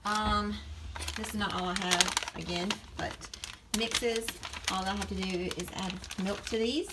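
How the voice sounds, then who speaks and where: A young woman talking through her pantry in a casual home vlog. She sounds chatty and practical, trailing her advice with ums. Steady background noise sits under her voice. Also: medium pitch, unhurried. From American South. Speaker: vlogger. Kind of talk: casual grocery haul vlog. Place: home kitchen, indoors.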